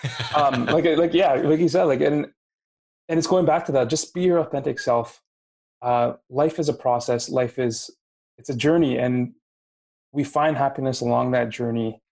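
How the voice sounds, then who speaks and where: In a gravelly, darkish mid-range voice at a moderate pace, a podcast host in his late twenties keeps an interview chat casual. He has a light Filipino accent and frequently hunts for words, filling gaps and restarting sentences.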